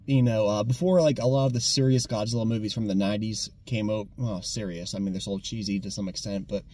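A young American man giving a casual, animated movie review, often restarting his sentences and repeating words when excited. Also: fairly low pitch, quick pace. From United States. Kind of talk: casual conversational film review.

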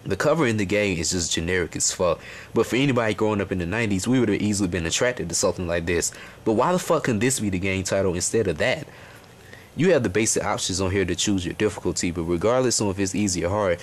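A young American man giving an exasperated, profane, comedic rant as a video game reviewer. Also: sits low. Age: young adult. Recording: loud music under voice. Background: loud music.

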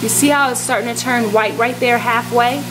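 A woman's voice: fairly high pitch, fairly even intonation, moderate pace, music in the background. A young woman in her twenties chatting through a cooking vlog in her home kitchen, explaining each step to a handheld camera. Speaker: vlogger. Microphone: handheld camera close up.

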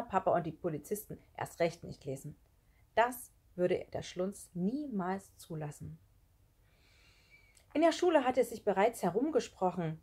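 A woman reading a children's book chapter aloud in an expressive, steady storytelling manner. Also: mid-range voice, husky. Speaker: audiobook reader.

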